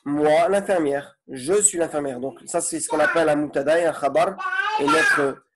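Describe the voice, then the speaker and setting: A man's voice: on the high side, moderate pace, very noisy. Patient man teaching a grammar lesson. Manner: patient, keeps checking with "ok?". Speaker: Arabic teacher.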